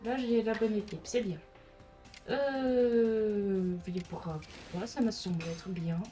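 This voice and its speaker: A woman's voice: mid-range voice, steady tone, slow pace, dark tone, faint music behind. Chatty French woman gamer. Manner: chatty, talks to the creatures on screen. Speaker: let's play gamer. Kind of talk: casual gameplay commentary.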